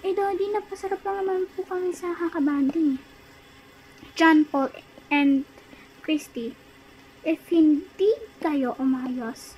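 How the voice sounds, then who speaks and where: A woman's voice: very high voice, slow, pauses often, highs cut off, a little hiss or hum. A woman doing a stern scolding dad. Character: strict angry father, middle-aged. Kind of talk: Toca Boca roleplay storytelling.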